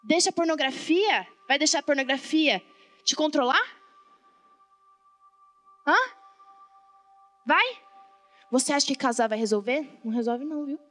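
A woman's voice: sits high, a little slow, long pauses, a bit bright. A Brazilian woman preaching with fervent, colloquial energy, constantly questioning her congregation. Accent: Brazilian Portuguese. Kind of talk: sermon. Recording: reverberant hall, faint background music. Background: faint music.

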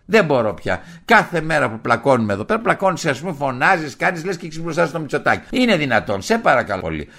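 A man's voice: on the high side, sing-song, vocal fry, few pauses, sharp tone, exaggerated voice. A man playing his own tired, fed-up alter ego in a comic radio sketch, talking in a soothing, weary way.

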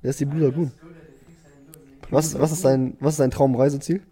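A young man co-hosting a casual chat podcast, slangy and quick to jump between topics. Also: mid-range voice, steady tone, dark tone. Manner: slangy, jumps between topics, laughs often. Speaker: podcast co-host.

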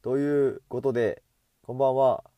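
A man's voice: mid-range voice, steady tone, moderate pace, dark tone, clean tone, dry recording. A man chatting casually to himself while walking outdoors, self-amused, with a runny nose from hay fever, speaking into an earbud headset mic. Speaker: solo podcaster. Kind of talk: casual rambling monologue.

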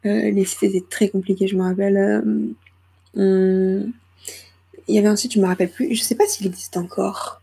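A woman's voice: medium pitch, fairly even intonation, normal speed, vocal fry, mellow, slightly rough. A young woman hosting her own podcast, rambling casually with hesitations and self-deprecating asides, into a small microphone. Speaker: podcast host. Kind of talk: casual solo podcast chat.

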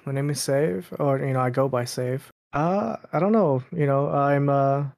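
A man's voice: medium pitch, normal speed, gravelly, a little mellow, no room sound, studio quality. A man in his late twenties, a podcast guest, telling a dating story casually, rambling with lots of fillers and laughs. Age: late 20s.

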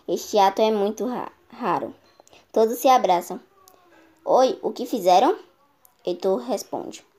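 Woman narrator, mellow middle voice, plain reading of a homemade radio drama. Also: on the high side.

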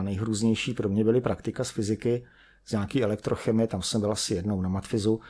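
A man's voice: lowish voice, darkish tone, breathy edge. A middle-aged chemist telling self-deprecating anecdotes about his studies in a rambling, conversational way, full of fillers. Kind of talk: conversational storytelling.

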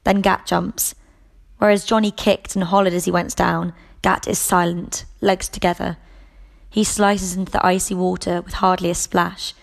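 A woman reading a novel aloud in the first person, in a steady, measured way. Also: lowish voice, vocal fry. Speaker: audiobook reader.

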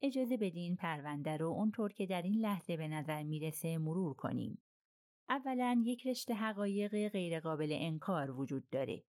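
A calm, methodical detective, as a woman narrator gives him voice in an audiobook, laying out his reasoning steadily. The voice is low-pitched and the recording is dry and close to the mic. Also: no room sound, lightly acted. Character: calm, methodical middle-aged male detective.

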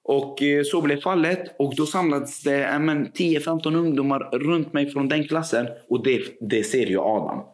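A man telling a story in casual podcast chat, animated and acting out the dialogue, with frequent fillers. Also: on the high side, few pauses.

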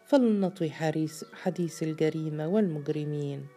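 A woman's voice: deep voice, fairly quick, warm tone, faint music behind. A woman voicing a confident, sly male governor, reading him in an audiobook story. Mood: assured. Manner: self-assured and knowing.

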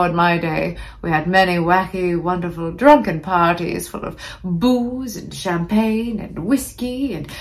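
Campy drag-queen-style Hollywood diva ghost. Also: fairly low pitch. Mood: boastful, arch. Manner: campy drag-queen grandness, theatrical, arch. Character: campy vain old-time Hollywood movie-star ghost, female. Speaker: podcast host. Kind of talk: comic in-character podcast monologue.

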